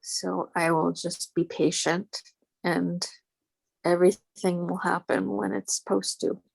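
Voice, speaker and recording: A woman speaking tentatively and reflectively as a client in a quiet spiritual consultation, halting between phrases. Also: lowish voice, little pitch movement, creaky, breathy edge, poor audio. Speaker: client in a channeling session.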